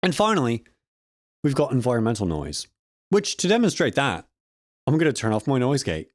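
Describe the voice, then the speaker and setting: A man's voice: medium pitch, huge pitch swings, normal speed, no room sound. A young man, an audio student, casually recapping a lecture in a rambling, self-correcting way into a close studio microphone. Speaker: audio student and vlog host. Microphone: close studio microphone with a compressor.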